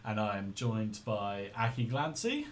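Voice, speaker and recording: A man's voice: lowish voice, big pitch swings, measured pace, background noise. A man hosting a podcast in casual, informal, rambling style, speaking into a laptop's built-in microphone. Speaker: podcast host.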